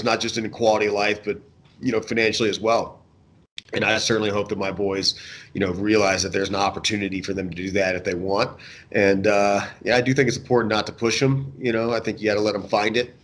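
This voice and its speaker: Here a fishing guide from the United States, likely in his thirties or forties, reflects casually as an interview guest on a remote video call indoors. His pitch is fairly low and his tone a touch bright.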